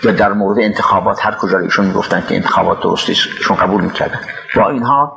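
Gravelly-voiced older man reminiscing slowly. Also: low-pitched, fairly bright tone, lo-fi sound. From Iran. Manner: halting, with restarts and pauses. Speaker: interviewee recalling his time as a city official. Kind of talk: reminiscing interview.

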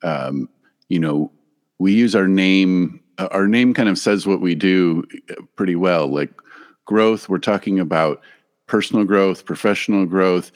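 A man with a low voice speaks at a measured pace as a podcast guest in a casual interview. He explains things thoughtfully but hesitantly, with lots of ums and you-knows, and the recording carries a long room reverb.

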